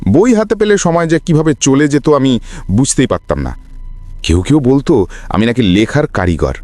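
Telling a ghost story as a dramatic scripted reading, a man builds tension through expressive, suspenseful delivery and lively pitch movement. His pace is moderate, and the recording is dry.

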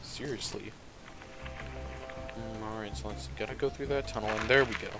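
A man's voice: fairly low pitch, fairly even intonation, moderate pace, music in the background. A man giving casual, profane and joking commentary while playing a video game, often chuckling to himself. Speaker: let's play commentator.

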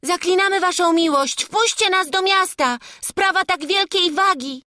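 A woman's voice: very high-pitched, measured pace, sharp tone, no room sound, clean studio sound, full character voice. A woman voicing a timid, easily scared peasant boy in an audiobook, anxious and fearful. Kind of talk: audiobook character voice.

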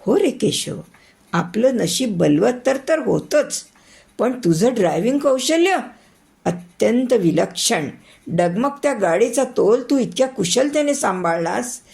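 A woman reading the lines of a young man traveling home, a steady, commanding brother figure in a spoken story. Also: a little high, measured pace, creaky, voice pushed up, full character voice. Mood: relieved. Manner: urgent commands in the danger scene.

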